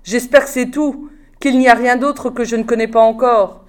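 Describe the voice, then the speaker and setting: A woman reading aloud voices an indignant young man who has fled Earth, talking forcefully in a storybook reading. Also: on the high side, steady tone, moderate pace, pitched above the performer's own voice, natural voice. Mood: bitter.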